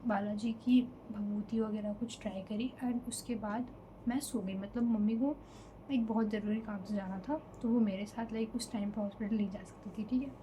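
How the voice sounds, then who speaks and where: A woman's voice: mid-range voice, fairly even intonation, normal speed, dark tone, slight background noise, low-quality recording. Young woman telling a storytime vlog. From Delhi. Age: young adult. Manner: emotional, mixes Hindi with English fillers. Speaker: vlogger.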